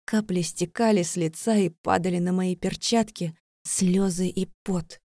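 A woman's voice: on the low side, fairly even intonation, unhurried, mellow, no room sound, clean studio sound. A woman narrating a first-person fantasy audiobook in a tense, breathless, dramatic way.

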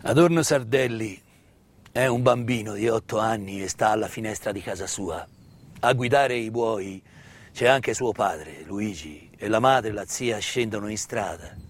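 With live music playing behind him, a fairly low-pitched man narrates a theatrical monologue as a stage storyteller. The tone is solemn and dramatic, marked by repeated words and long, heavy pauses.

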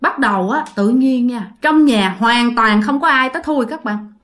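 A woman's voice: a little high, normal speed, a bit bright. A woman with a Southern Vietnamese accent telling a ghost story in a chatty way, repeating phrases and often speaking straight to her listeners. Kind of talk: casual ghost story narration.

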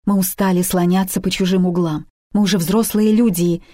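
A woman's voice: lowish voice, steady tone, a little fast, warm tone, dry recording, studio quality, close to an everyday voice. A woman reading the part of a desperate daughter around thirty who pleads urgently and emotionally with her mother in a story. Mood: pleading.

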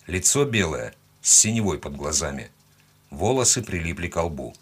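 Deep husky male audiobook narrator. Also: sing-song, moderate pace. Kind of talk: first-person audiobook narration.

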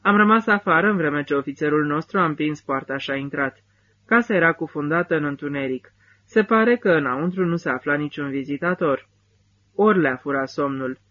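A man's voice: fairly high pitch, pushed and bright. Man narrating an audiobook, slightly muffled. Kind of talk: scripted first-person literary narration.

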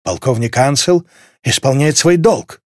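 A man's voice: mid-range voice, a little slow, dry recording, clean studio sound, close to an everyday voice. A man doing a bewildered deposed king. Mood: weary. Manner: confused, hesitant.

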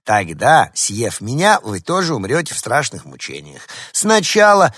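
A man's voice: medium pitch, huge pitch swings, unhurried, fairly bright tone, slightly rough, no room sound, clean studio sound, voice pushed up, heavily acted. Man putting on a smug, prim female rat. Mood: mock-polite.

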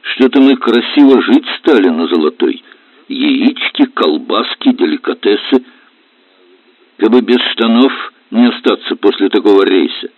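A man voicing a gruff, grumbling middle-aged helmsman with rough, mocking speech, read for a storybook. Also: medium pitch, expressive, measured pace, no room sound, voice pushed up. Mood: resentful. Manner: sullen, mocking, rough colloquial. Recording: tinny dry lo-fi audio.

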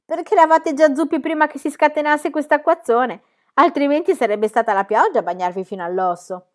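A woman reading aloud and voicing a bold, cheeky young girl who talks loudly and teases. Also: medium pitch, big pitch swings, fast, lightly acted. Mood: teasing. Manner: loud, exclamatory, teasing.

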